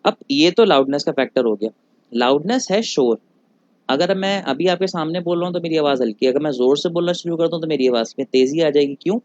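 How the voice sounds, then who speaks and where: A male physics teacher giving a recorded lecture. He asks rhetorical questions, answers them himself, calls students "beta" and slows down on English technical terms. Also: a little high, a little mellow, no echo. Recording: dull lo-fi, dry recording.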